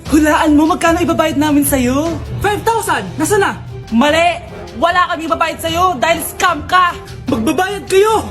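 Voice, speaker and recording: A woman with a high voice plays comic skits. Her delivery is brisk and scolding at times, then turns mock-polite. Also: fairly bright tone, faint music behind. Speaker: comedy skit performer. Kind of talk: comic skit acting.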